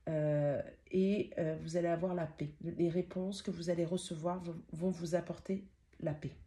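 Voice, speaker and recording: A middle-aged woman giving a spiritual tarot reading at home, chatty and exclamatory, dotting her speech with "hein", sometimes rushing and stammering, with a sniffly nose. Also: on the low side, fairly even intonation, mellow. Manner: chatty, interjecting with frequent "hein", exclaiming over the cards; speaks fast and stammers at times while channeling. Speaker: tarot card reader. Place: home with dogs nearby.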